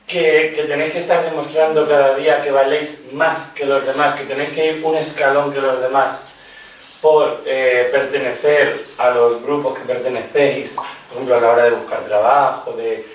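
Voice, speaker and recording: A man's voice: mid-range voice, level tone, normal speed. A man moderating a round-table panel, posing questions in a conversational way. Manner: conversational questioner with brief backchannels. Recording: echoey room, distant mic, faint noise.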